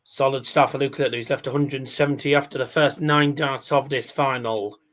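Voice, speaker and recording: A man's voice: mid-range voice, fairly even intonation, normal speed, a bit bright. A man giving casual live darts commentary as a stream host, chatty and rambling, with scores called out like a darts caller.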